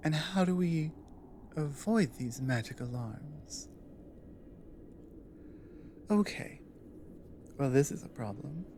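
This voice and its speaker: Wary and practical in mood, a woman performs a loyal, guarded orc warrior for an intimate ASMR drama, in a low-pitched, warm, full character voice with lively intonation. She speaks slowly and deliberately, her wording halting, plain and earnest, while soft ambient noise plays behind her.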